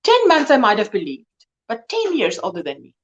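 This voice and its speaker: A woman's voice: fairly high pitch, wildly swooping pitch, fairly quick, dull audio. A woman in her early fifties hosting a live crochet chat. She talks casually, reads and answers viewers' comments, and laughs often. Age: 50s.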